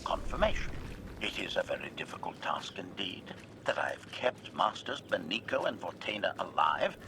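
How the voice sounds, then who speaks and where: An actor playing a deadpan male assassin droid in a video game, with a smooth robotic filter on his voice and a clipped, formal way of announcing each remark with a one-word label. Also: low voice, moderate pace, noisy background. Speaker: bodyguard droid.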